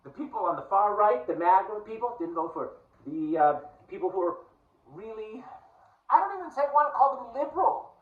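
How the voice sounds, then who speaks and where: A man's voice: high voice, very animated, fairly quick, echoey room, recorded from a distance, narrow, tinny audio. A man from the United States, talking to camera in a casual, digressive and earnest monologue. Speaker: vlogger.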